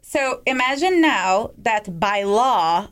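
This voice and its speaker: A woman's voice: a little high, expressive, takes it slowly. A woman with a slight non-native accent, a cybersecurity company head, speaking as a guest on a radio show in a casual style full of fillers. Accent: non-native English accent. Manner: casual, many fillers like "you know, like". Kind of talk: radio interview.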